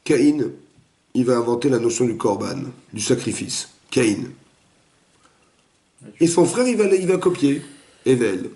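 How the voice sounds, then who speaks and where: A man, a rabbi, giving a lively interactive Torah class, quizzing his students and acting out the dialogue. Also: medium pitch, measured pace, long pauses. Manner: animated, questions the students, acts out dialogue. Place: echoey room with students. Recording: roomy echoey room recording.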